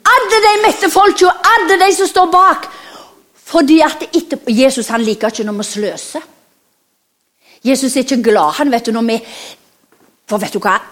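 High-voiced woman telling children a Bible story. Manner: animated, slow and emphatic, dropping to whispers. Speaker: children's preacher.

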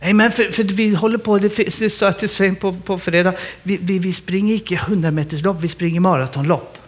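High-voiced animated male preacher. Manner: animated, exclaiming, laughing often. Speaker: guest preacher. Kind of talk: lively sermon.

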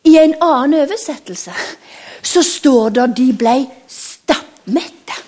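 A woman preaching to children, telling a Bible story in an animated, slow and emphatic way, sometimes dropping to a whisper. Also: high-pitched.

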